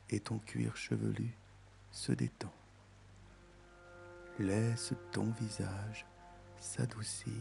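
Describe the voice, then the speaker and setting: A man guiding a meditation in a soft, soothing, intimate voice, as if speaking right into your ear. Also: fairly low pitch, creaky. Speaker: meditation guide. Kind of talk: guided meditation. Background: music.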